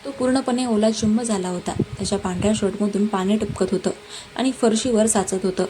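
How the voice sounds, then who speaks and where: A woman narrating a romance story in a dramatic, even-paced reading. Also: medium pitch, fairly quick. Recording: noisy background hiss.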